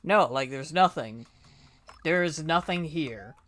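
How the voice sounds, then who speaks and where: A streamer talks to themself while playing a game, slow and unhurried, trailing off in mutters and hesitant restarts. The pitch sits in an ordinary middle range. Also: expressive, fairly bright tone. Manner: mutters, hesitant, self-talk.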